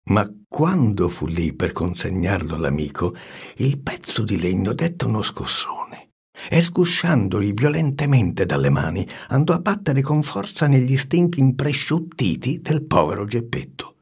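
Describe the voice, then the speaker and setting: A man with a raspy, gravelly voice reading a storybook aloud in an expressive, animated way. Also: on the low side, measured pace. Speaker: narrator.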